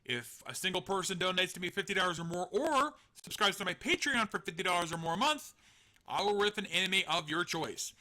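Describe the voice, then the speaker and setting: Fairly quick and expressive, the host's high-pitched voice comes across pushed and bright as he runs a live stream. He chats in a rambling, casual way, cracking self-deprecating jokes, laughing often, and swearing occasionally.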